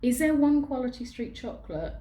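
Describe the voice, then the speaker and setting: A woman co-hosting a casual chat, gentle and explanatory, often speaking softly. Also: sits high, lively intonation, brisk. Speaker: co-host. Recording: roomy.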